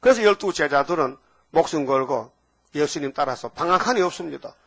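A man preaching with a somewhat high voice and lively swings in pitch. He keeps questioning his listeners and jumps from loud, rising outbursts to low, muttered asides. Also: fairly quick. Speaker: pastor. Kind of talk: sermon.

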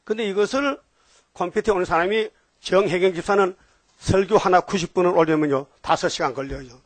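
A man with a Gyeongsang Korean accent preaching a sermon in a lively way, often firing questions at his congregation. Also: sits high, fairly quick, dry recording. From Gyeongsang region, Korea. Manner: animated, questions the congregation, jumps between topics. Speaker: pastor.

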